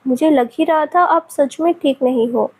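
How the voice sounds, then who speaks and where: A woman's voice: high voice, normal speed, a little mellow, voice pushed up. A woman voicing a tearful, sulky young woman who scolds her sick partner in a pleading tone. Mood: tearful scolding.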